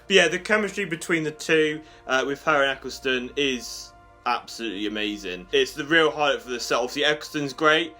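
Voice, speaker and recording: Over background music, a man hosting a YouTube channel gives his viewers a chatty, enthusiastic and casual review of an audio drama. His voice is mid-range with a sharp tone.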